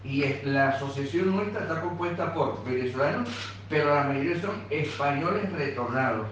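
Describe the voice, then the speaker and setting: Male association spokesman, slightly raised pitch, insistent formal appeal, far from the mic. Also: expressive, normal speed, fairly bright tone, lo-fi sound. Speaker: pensioners' association representative. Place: meeting room in parliament. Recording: echoey room, recorded from far off, noisy.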